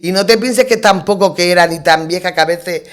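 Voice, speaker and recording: Middle-aged woman, radio talk show guest, round-table chat, lively storyteller, acts out quoted dialogue, rambling with emphatic repeats. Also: lowish voice, brisk. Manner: rambling, with restarts and emphatic repetitions. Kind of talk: round-table conversation, anecdote telling.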